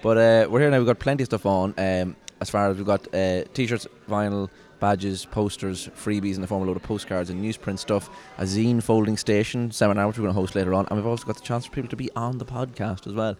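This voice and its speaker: Fast-talking joking man. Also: on the low side, fairly even intonation, a little mellow, soft background music. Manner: joking, rambling, swears casually. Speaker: podcast host. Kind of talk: casual chat. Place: merch market stall.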